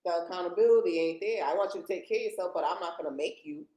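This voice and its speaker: A woman's voice: lowish voice, rapid-fire, mellow, roomy sound, poor audio. A woman in her thirties speaking bluntly and plainly as a guest in a casual podcast conversation, with slangy phrasing. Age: 30s.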